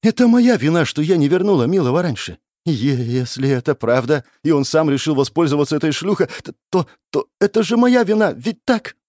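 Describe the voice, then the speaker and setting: A man voicing an unhinged, jealous young goddess who is shrill and frantic, swinging between sweet and vicious. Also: sing-song, moderate pace, dry recording, studio quality, natural voice. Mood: pleading.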